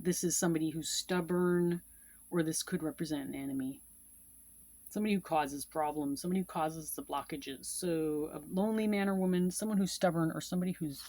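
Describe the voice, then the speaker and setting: A woman's voice: on the low side, warm tone. A woman casually teaching card-reading meanings, repeating each point with fillers and asides. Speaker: tarot and Lenormand card reader teaching. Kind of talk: casual instructional explanation.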